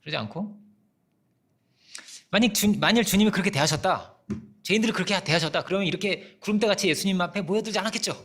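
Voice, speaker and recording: A male pastor giving a sermon in an animated, conversational way, often asking the congregation questions. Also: sits high, quick pace, a little hiss or hum.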